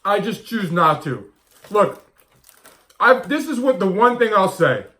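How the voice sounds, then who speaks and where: A man in his thirties with a slightly high voice, talking casually and bluntly to his camera. He hammers his points home and often says them twice. The talk is loose and unscripted. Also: big pitch swings, a little slow, bright, forceful tone. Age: 30s. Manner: blunt, emphatic, repeats himself. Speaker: vlogger and diet coach.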